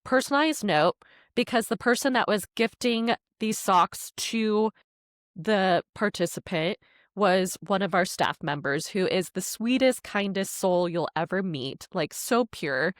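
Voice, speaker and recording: A woman's voice: mid-range voice, unhurried, dry recording, studio quality. A woman co-hosting a podcast, telling a workplace story in casual chat and acting out the people in it. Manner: animated, quotes people with laughs. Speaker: podcast co-host.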